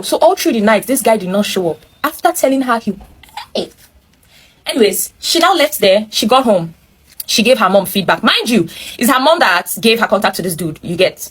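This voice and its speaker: Her voice sits a little high and has a husky quality, with a Nigerian accent. As host, she reads a viewer's story aloud and reacts to it, telling it in an animated, emphatic, opinionated way. She keeps interrupting with running commentary spoken directly to her listeners.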